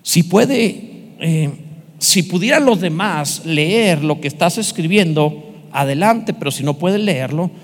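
Lively high-voiced pastor preaching in a hall. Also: male voice, takes it slowly. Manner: lively, humorous preaching with asides to the congregation. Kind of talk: sermon.

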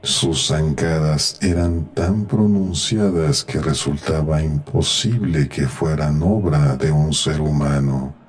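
A man reading a horror tale aloud in a slow, grave storytelling manner. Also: rumbling low. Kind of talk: scripted horror narration. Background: faint eerie background music.

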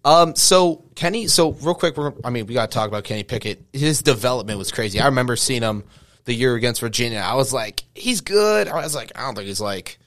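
A man's voice: mid-range voice, fast, a bit bright, no echo, clean studio sound. A man hosting a casual interview, asking rambling, chatty questions. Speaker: interviewer host.

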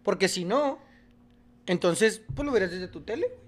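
A man with a Mexican accent in casual sports chat, animated and argumentative, full of slang. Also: high-pitched, normal speed.

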